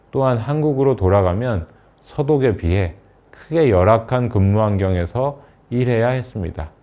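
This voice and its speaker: A man giving a scripted university lecture in a measured, formal narrating manner. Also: medium pitch. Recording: thin phone-like sound.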